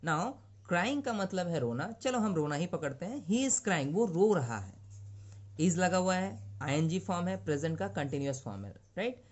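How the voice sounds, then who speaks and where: A male teacher giving a grammar lesson to young students, reading each English example sentence slowly and then explaining it in Hindi. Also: high voice, sing-song. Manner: frequent check-ins to the class.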